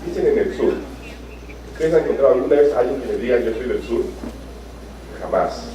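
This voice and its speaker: A man's voice: medium pitch, expressive, fairly quick, dark tone. A man giving a university lecture in a conversational way, often adding tag questions and fillers. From Peru. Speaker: guest lecturer. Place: lecture hall. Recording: echoey hall from far off, dull sound.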